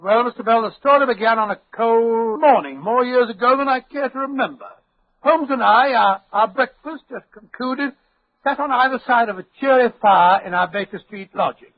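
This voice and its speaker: An older English doctor with a high voice, avuncular and a little blustering. He tells detective tales in 1940s radio drama style, on a muffled vintage recording. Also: moderate pace. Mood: genial storytelling. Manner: chuckling, avuncular, slightly blustering. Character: genial older English doctor recounting his detective adventures.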